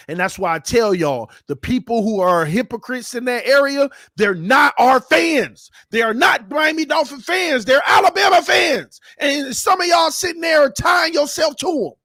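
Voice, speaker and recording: A man hosting a fan talk show, fired up and shouting as he rants. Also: very high-pitched, dry recording, studio quality. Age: 30s. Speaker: fan channel host.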